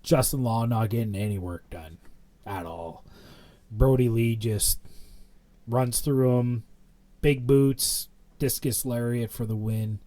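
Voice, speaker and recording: A man's voice: mid-range voice, takes it slowly, long pauses, warm tone. A young man co-hosting a podcast, rambling through a casual wrestling recap with lots of fillers. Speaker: podcast co-host.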